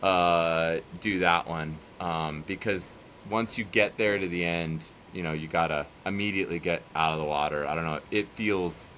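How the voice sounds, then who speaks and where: Bright-voiced man telling surf stories. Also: low-pitched, moderate pace, few pauses, slight background noise. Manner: animated, laughs while telling stories. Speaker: podcast guest. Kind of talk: casual storytelling chat.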